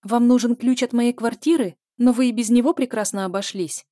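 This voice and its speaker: A scared young woman holds her ground, her voice trembling and raised higher than the narration, as a woman reader plays her. It is a close, dry recording with a mellow tone. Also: brisk, dry recording, close to an everyday voice. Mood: defiant. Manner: trembling, pleading. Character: frightened young woman, stubborn.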